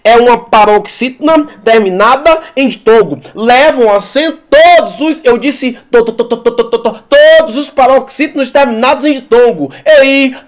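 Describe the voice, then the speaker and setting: Animated high-voiced male teacher. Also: normal speed, few pauses. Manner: animated, repeats words for emphasis, talks directly to students. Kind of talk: lively exam-prep lesson.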